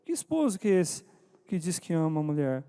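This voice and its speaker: This male speaker at a church couples' meeting has a smooth, warm, sing-song voice on the high side and talks a little fast. Addressing the couples interactively, he asks questions and calls on individuals by name amid a long hall reverb.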